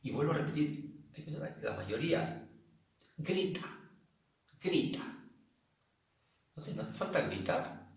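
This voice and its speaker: A man's voice: on the high side, lively intonation, a little fast. A man with an accent from Spain leads a class for older people in a loose, conversational way, circling back to repeat his points. He sounds a little distant from the microphone. Strong room echo hangs around every word. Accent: Spanish from Spain. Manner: chatty, repeats himself, acts out loud shouting. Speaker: senior exercise instructor. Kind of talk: casual spoken talk to an online class. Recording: very echoey room, voice a bit far from the mic.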